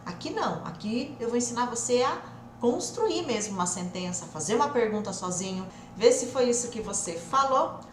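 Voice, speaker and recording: A Brazilian woman teaches an online English lesson in a lively, direct way, stretching words out to make a point. Her voice sits fairly high. The room is echoey, with a faint hiss of noise behind her. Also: normal speed. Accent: Brazilian Portuguese.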